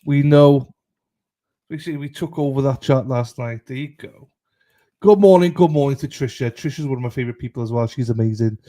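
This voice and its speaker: A man's voice: mid-range voice, a little fast, mellow. A man hosting a livestream in casual chat, greeting viewers in a matey, irreverent, sweary way. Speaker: livestream host.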